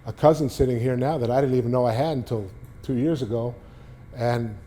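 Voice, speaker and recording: Rambling older man, mellow Boston storyteller. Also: medium pitch, a little fast. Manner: rambling anecdotes with frequent restarts and fillers. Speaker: guest speaker, former sports beat writer. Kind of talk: casual storytelling talk to a library audience. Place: public library talk.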